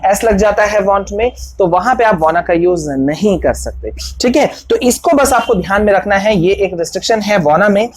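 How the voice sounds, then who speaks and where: A woman teaching a spoken-language lesson, patiently explaining and repeating example sentences slowly word by word. She talks straight to viewers and checks in with them often. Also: mid-range voice, poor audio. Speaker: English teacher.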